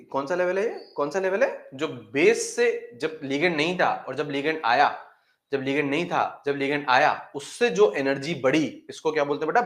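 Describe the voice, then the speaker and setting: Lively, echoey male chemistry teacher. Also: fairly high pitch. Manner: repeats key phrases, asks and answers own questions; calls students "beta" affectionately. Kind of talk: classroom lecture. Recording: echoey room.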